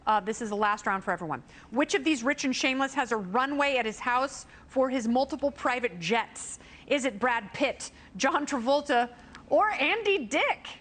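Woman host, high and lively, bubbly, teasing game-show patter. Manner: bubbly, teasing, quick jokes and laughs. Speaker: talk show host running a quiz game. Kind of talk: playful game show hosting.

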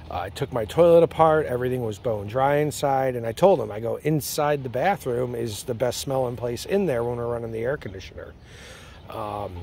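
A man's voice: mid-range voice, a little hiss or hum. A middle-aged man, an air conditioning technician, casually explaining an RV repair while filming with his phone on the roof outdoors. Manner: relaxed, chatty, many ums and uhs. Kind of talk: casual how-to vlog. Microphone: handheld phone camera.

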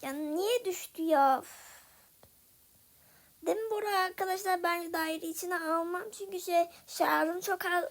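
A woman's voice: extremely high pitch, unhurried. A young woman giving casual gameplay commentary, talking to viewers and getting frustrated at a hard level. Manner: frustrated, talks to viewers while playing. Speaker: gaming video creator.

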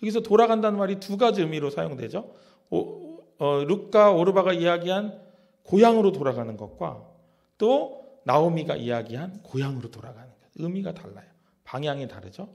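A man's voice: fairly high pitch, vocal fry, a little mellow. A male pastor giving a conversational sermon, often asking his listeners rhetorical questions.

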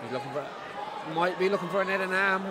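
A man's voice: high-pitched, fast talker, background noise. A man co-commentating a live mixed martial arts fight, reacting in short exclamatory phrases. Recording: loud music and crowd behind voice. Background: loud music and crowd.

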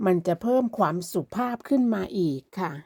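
A woman's voice: medium pitch, expressive, a little fast, warm tone, dry recording, studio quality. A woman teaching a beginners' language lesson, explaining politely and patiently and drawing out each example word. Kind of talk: slow beginner lesson narration.

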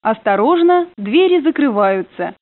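A woman's voice: fairly high pitch, very animated, a little slow, no room sound. A woman reading prerecorded train announcements, heard over the train's intercom, polite and formal. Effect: played over a train intercom. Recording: narrow phone-like dry sound.

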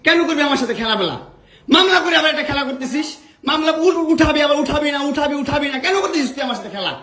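A young man in a heated domestic argument, shouting angry insults. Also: very high-pitched, animated, quick pace. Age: young adult. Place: bedroom of a home.

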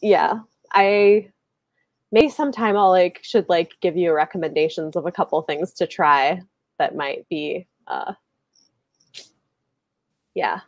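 A book channel host in her thirties chats casually about books on a live video call, hedging and often saying "like." Her lowish voice moves slowly with long pauses, picked up by earbuds with no room sound, in a small indoor room lined with bookshelves.

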